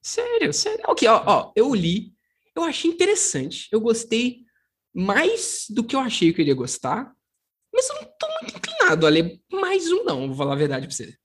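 Male podcast co-host, Brazilian Portuguese accent, lively pitch swings, rough-edged voice, casual grumbling banter. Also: normal speed.

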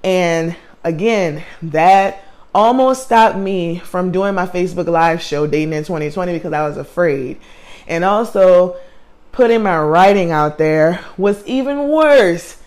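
A woman's voice: on the low side, unhurried, a little mellow. A woman with a Southern US country accent, giving a casual, emphatic motivational talk as a life coach and podcast host. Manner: chatty and emphatic, often says "man" and "like". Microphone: podcast or livestream mic.

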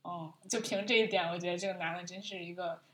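A woman's voice: lowish voice, quick pace. A woman co-hosting a podcast, retelling a film scene in casual chat, with lots of laughter and restarts. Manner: animated storytelling, frequent laughter, many restarts. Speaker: podcast co-host.

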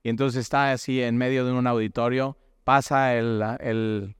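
An emphatic male preacher delivering a sermon, repeating key phrases for weight and stumbling over the starts of words. His voice is smooth and resonant, at a middle pitch, recorded dry and close with no room sound. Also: level tone, normal speed, no room sound. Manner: repetitive, emphatic, restarts words.

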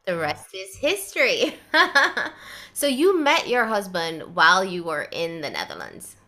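A woman's voice: on the low side, very animated, unhurried, pushed and bright. A woman hosting a podcast interview, asking questions in an effusive, enthusiastic way. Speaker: podcast host. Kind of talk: conversational interview.

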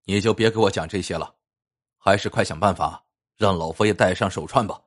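A man voicing a husky, anxious old prefect. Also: sits low, brisk, voice pushed down. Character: anxious older male prefect, official.

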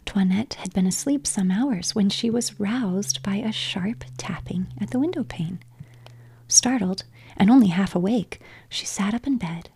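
A woman reading a storybook aloud in a slow, hushed whispered storytelling style. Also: medium pitch, slightly rough.

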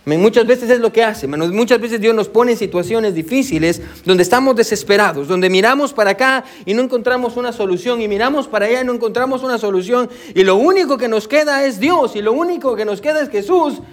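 A male pastor preaching a sermon, with a preacher's cadence and frequent "amén" and "hermano" asides. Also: high-pitched. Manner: code-switches with English "so".

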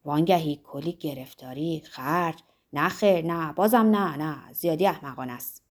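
A woman voicing a cool, hesitant male lover who speaks in a low, hushed murmur. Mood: muttering.

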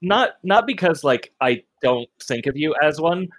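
A young man in his twenties from Canada, teasing deadpan in a casual family chat. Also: on the high side, unhurried. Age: 20s. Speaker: podcast co-host.

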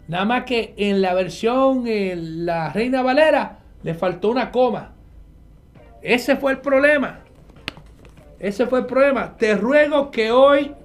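A man preaching a nightly online Bible teaching, emphatic, asking questions and answering them himself. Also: very high-pitched. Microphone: live stream with viewers connected.

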